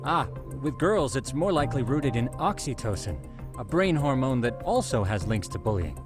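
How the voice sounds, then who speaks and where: Playing a nerdy, earnest young detective in a game, a man delivers a briefing and lectures on science with scholarly precision. His mid-pitched voice is very animated, rising and falling freely at a moderate pace, close to how he'd normally talk. Music plays clearly under the dialogue.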